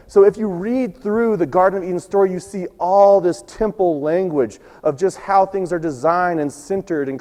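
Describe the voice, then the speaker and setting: A man preaching a sermon, telling a scripture story and acting out its quoted lines, his voice going hoarse. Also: sits high, a little mellow, long reverb tail. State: losing his voice. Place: church sanctuary.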